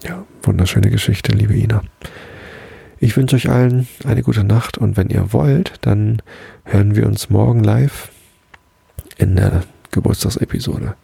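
Low husky guy reading a bedtime story, dark dry sound. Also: unhurried, dry recording. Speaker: podcast host and story reader.

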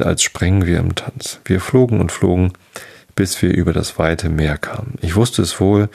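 Man reading an old folk tale, first person, deep and kinda husky. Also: darkish tone. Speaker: narrator. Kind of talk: storybook reading of a folktale.

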